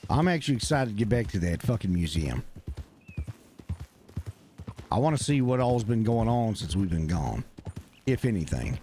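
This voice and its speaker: A man, speaking gruffly and bluntly in character during a roleplay game stream, swearing often. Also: fairly low pitch, sing-song, normal speed, pauses often, dark tone, slight background noise.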